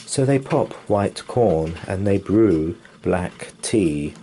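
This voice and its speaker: Slow, low-voiced man reading a bedtime story. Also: lively intonation, warm tone, slight background noise. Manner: slow, sing-song storytelling. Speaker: story reader. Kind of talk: bedtime story read-aloud.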